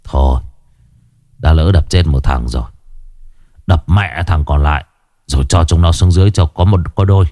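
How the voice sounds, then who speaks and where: A man's voice: very deep voice, normal speed, pauses often, dark tone, no echo, voice pushed down. A man voicing a cold, ruthless middle-aged male gang boss who speaks curtly and with menace.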